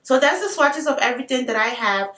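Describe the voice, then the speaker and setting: A woman's voice: high voice, expressive, a little fast, a bit bright. A woman with an African accent, chatting casually through a makeup tutorial with playful asides. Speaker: beauty vlogger. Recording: roomy sound, mic at a distance.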